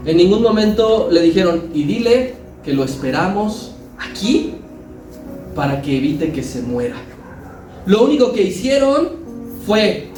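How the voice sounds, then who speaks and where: A man's voice: high voice, a little mellow, reverberant, recorded from a distance, poor audio. A man preaching a sermon as pastor, building emphasis and acting out quotes.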